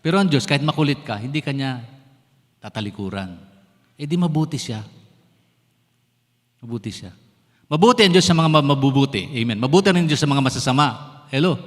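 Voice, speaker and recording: A man's voice: medium pitch, expressive, a little fast, long pauses. A man with a Filipino accent, a pastor preaching a sermon in Tagalog mixed with English, who keeps asking his congregation questions. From Philippines. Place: church sanctuary. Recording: long church-hall reverb.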